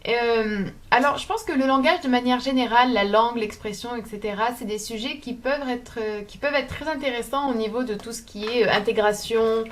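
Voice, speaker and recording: A young woman from France talking casually to camera at home, thoughtful and halting, with many fillers and restarts. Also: fairly high pitch, slight background noise. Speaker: video essayist.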